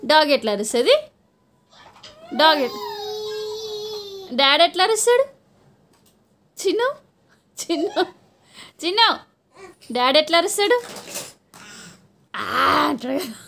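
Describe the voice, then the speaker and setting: A woman with a Telangana Telugu accent coos and teases her small child, her high voice bouncing through sing-song questions. She talks into a phone camera at home, playful and coaxing, with a faint hiss of noise behind her. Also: sing-song, measured pace, long pauses, a bit bright. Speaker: mother filming her toddler.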